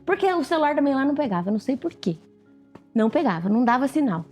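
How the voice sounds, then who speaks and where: Brazilian woman, church testimony, higher voice, vivid storyteller, faint music bed. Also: big pitch swings, rapid-fire, darkish tone. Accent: Brazilian Portuguese. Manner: vivid storytelling, often quotes her own past words. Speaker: church member interviewee. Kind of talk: emotional personal testimony.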